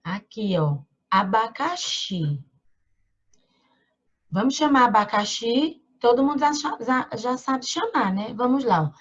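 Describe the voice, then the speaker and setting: A woman teaching young children, talking slowly and patiently, stretching out syllables and checking in with frequent tag questions. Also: a little high, very animated, husky, highs cut off. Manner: drawn-out syllables when sounding out words. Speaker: primary school teacher. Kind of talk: online lesson for young children. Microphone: computer mic during screen share.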